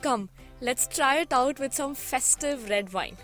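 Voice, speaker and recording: Expressive high-pitched North Indian woman. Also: a little slow, soft background music. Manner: expressive Hindi-English code-switching. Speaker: co-host of a cooking podcast. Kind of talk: scripted casual cooking dialogue.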